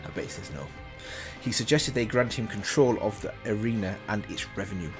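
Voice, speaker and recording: With a lowish voice and lively intonation, this reaction video host reads a text fairly quickly. He interjects casual asides of his own over loud background music.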